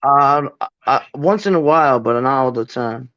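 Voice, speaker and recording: A man's voice: medium pitch, animated, normal speed, fairly bright tone, dry recording. A man in his forties with a Boston accent, a guest on a livestream, talking in short, easygoing slangy replies over a muffled video call. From US East Coast. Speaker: guest caller. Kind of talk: casual livestream chat.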